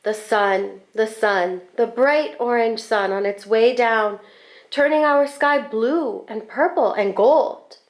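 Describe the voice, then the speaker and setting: A woman on the school staff reads a children's picture book aloud, her fairly high voice telling the story in an expressive, deliberate way.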